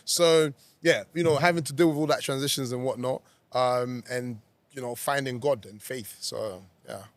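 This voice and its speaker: A young man from Zambia, chatting as an interview guest and laughing often. His voice sits at an ordinary middle pitch, and the recording is dry and close. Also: normal speed, no room sound. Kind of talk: casual interview chat.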